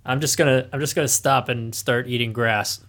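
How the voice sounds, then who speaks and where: Male tabletop player, mid voice, deadpan humor. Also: mid-range voice, a little fast.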